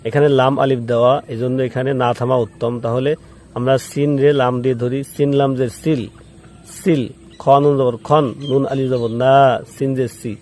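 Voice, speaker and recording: Mellow-voiced man teaching Quran recitation. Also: mid-range voice, fairly even intonation, slight background noise. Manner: spells out each letter and vowel mark, then chants the word slowly; patient, repeats rules for the listener to remember. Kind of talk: step-by-step recitation lesson.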